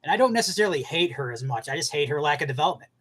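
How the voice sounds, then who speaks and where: Male anime commentator with a high voice, brash and excitable. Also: very fast, husky. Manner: animated and profane, bursting into shouts. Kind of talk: casual opinion rant.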